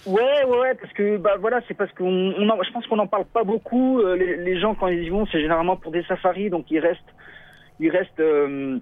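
A man talking as a guest traveler in a radio interview, halting and thoughtful, with many restarts. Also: sits high. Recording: thin phone-like dry sound.

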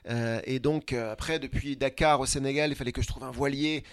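Male guest, chatty storyteller, middle-pitched voice, dry close recording. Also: clean tone, no room sound. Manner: lively, lists places in quick runs. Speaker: guest, traveler and speaker. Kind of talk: conversational storytelling.

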